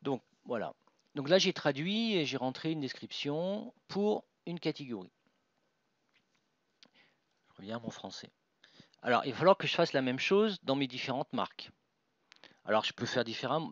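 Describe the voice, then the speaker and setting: A man's voice: mid-range voice, no room sound. Guy walking through a screencast step by step, dry dull sound, mouse clicks. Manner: talks through each click, with fillers and restarts. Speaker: software tutorial presenter. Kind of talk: screen-recorded software tutorial. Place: at a computer.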